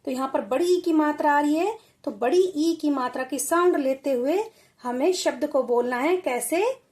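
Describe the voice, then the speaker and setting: A woman teacher giving a reading lesson for children, sounding out words slowly and repeating each one. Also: high-pitched, darkish tone. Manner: addresses children as beta.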